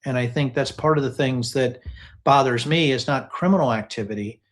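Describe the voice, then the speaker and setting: At a normal speed and medium pitch, this host dissects political text messages on a casual live show. He makes his case emphatically, circling back to the same phrases again and again.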